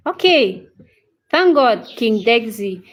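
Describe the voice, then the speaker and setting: A woman's voice: fairly high pitch, very animated, slow. A woman in her thirties with a Cameroonian English accent, hosting a casual live English lesson, greeting viewers by name and answering their comments one by one. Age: 30s. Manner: repeats phrases, checks in with "okay?". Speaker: English teacher hosting a livestream. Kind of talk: casual livestream chat.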